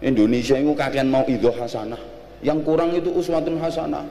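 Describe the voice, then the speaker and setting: A man's voice: medium pitch, fairly even intonation, fairly quick, dark tone. A middle-aged man giving a humorous sermon, switching languages and acting out little scenes. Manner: jokey, mixing Javanese and Indonesian, acts out examples. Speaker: Islamic preacher. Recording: roomy echo, faint ambience.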